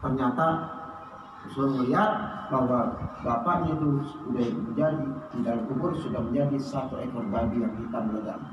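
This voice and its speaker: A man telling a sermon story, swinging between loud high exclamations and low hushed lines. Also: normal speed, lo-fi sound, background noise. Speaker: preacher. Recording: echoey hall, heard from a distance.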